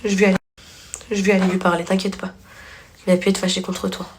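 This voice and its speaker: A woman's voice: mid-range voice, level tone, fast, distant mic. A woman chatting casually to her camera at home, confiding in her viewers and speaking tenderly to her children. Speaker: vlogger. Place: home kitchen. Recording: roomy and off-mic with home background noise.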